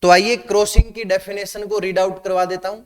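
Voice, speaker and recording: A man's voice: high voice, little pitch movement, a little fast, big-room sound. A man teaching a class, asking students questions and mixing Hindi with English terms. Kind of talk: classroom lecture.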